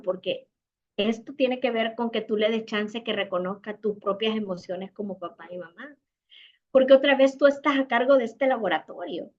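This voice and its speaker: Woman, Salvadoran accent, parenting talk, acts out short dialogues, muffled lo-fi stream audio. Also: a little high. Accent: Salvadoran Spanish. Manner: warm conversational advice, acts out little dialogues. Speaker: parenting speaker.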